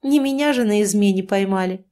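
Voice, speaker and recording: A woman's voice: mid-range voice, brisk, warm tone, close to an everyday voice. A woman reading an audiobook, voicing a scheming, sarcastic young woman who taunts her lover. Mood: mocking.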